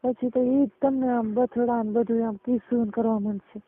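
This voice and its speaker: Her voice leans high, with fairly even intonation and a moderate pace. This Gujarati-accented woman is having a casual, colloquial private phone chat, explaining things and often asking if the listener follows, captured as a muffled narrowband call recording.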